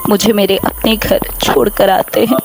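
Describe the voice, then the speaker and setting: A woman plays a frightened young wife narrating her own horror story in the first person, in a dramatic, scripted style. Her mid-range voice barely moves in pitch, her speed is normal, and the acting is light. Music plays beneath her voice.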